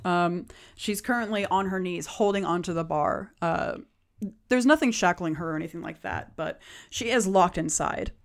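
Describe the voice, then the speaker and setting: A woman's voice: on the low side, normal speed. A young woman narrating a tabletop game as game master, casual and chatty. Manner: casual, with many fillers and light laughs.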